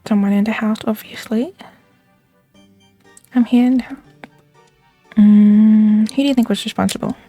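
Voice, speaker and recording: A woman's voice: mid-range voice, steady tone, moderate pace, long pauses, mellow, soft background music. A woman casually playing a video game and reading its dialogue aloud as she goes.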